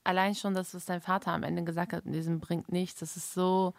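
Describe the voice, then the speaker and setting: A woman's voice: lowish voice, flat delivery, brisk, vocal fry, dry recording. A woman hosting a casual interview, speaking colloquially and with empathy. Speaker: host.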